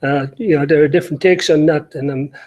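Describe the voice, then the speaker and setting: A middle-aged Irish man speaking on a conference panel, his voice mellow and set a little high for a man. He talks loosely, full of fillers, restarts and asides. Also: steady tone, a little fast, poor audio. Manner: rambling, many fillers and restarts. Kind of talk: conference talk.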